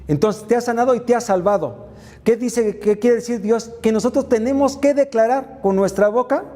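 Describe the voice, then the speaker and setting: A man's voice: very high-pitched, moderate pace, mellow, long reverb tail. A man giving a motivational faith talk, retelling Bible stories with frequent filler sounds. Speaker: faith mentor and speaker.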